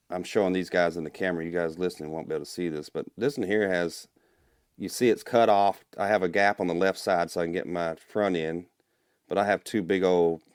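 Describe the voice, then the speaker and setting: A man guesting on a podcast, explaining things step by step in a relaxed, casual way over a video call. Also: deep voice, clear, resonant tone, dry recording, clean studio sound. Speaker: guest, turkey call maker.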